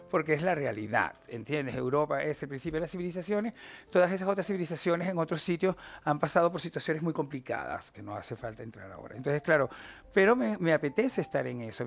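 A man's voice: medium pitch, vocal fry. A middle-aged man, a novelist, talking expressively and at length as a guest in a studio interview, with theatrical asides. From Venezuela. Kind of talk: casual interview chat.

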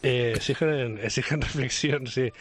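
Halting male radio commentator. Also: medium pitch. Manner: halting, restarting, explaining. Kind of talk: radio talk show discussion.

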